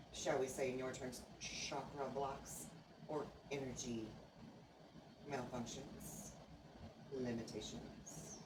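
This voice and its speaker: Very low-voiced woman channeling as seance medium. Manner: formal, stilted, oracular phrasing with halting pauses. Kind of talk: seance medium channeling, answering questions in trance. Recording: noisy, echoey room, far from microphone.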